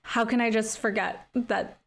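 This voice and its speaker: A woman's voice: on the high side, steady tone, measured pace, gravelly. A young woman co-hosting a podcast, chatting casually, laughing often and using lots of "like". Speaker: podcast co-host. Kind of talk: casual chat.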